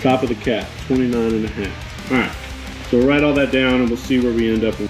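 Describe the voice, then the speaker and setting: A man explains how-to steps casually while working on his DIY motorcycle garage video, with a tongue-in-cheek, wry delivery. His mid-range voice has fairly even intonation and a fairly quick pace, heard over music with poor audio quality.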